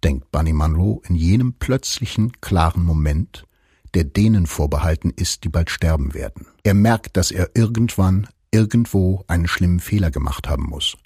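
A man reading a novel aloud as audiobook narrator, in a measured storytelling manner. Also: deep voice, animated, a little mellow, husky, dry recording, clean studio sound. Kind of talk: scripted narration.

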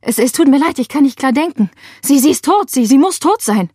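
A woman's voice: medium pitch, normal speed, a little mellow, dry recording, studio quality, close to an everyday voice. A woman voicing a frightened young woman who stammers and gasps through the shock of seeing a murder. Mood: frantic. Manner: breathless, stammering under shock.

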